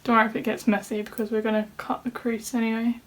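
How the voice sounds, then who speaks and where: A woman with a slightly high, level voice speaks quickly as she chats her way through a makeup tutorial, talking through each step. She's a beauty vlogger seated at a desk in a room at home, and a cold makes her sound a bit nasal.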